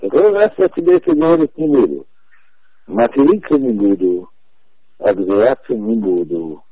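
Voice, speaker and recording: A husky man in his forties presses his point over a muffled phone line, repeating the same questions with insistent calm. His gravelly voice rises and falls in wide swings, in dry, close audio. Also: fairly low pitch, moderate pace, no echo. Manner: insistent, repetitive, calmly emphatic. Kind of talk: heated phone conversation.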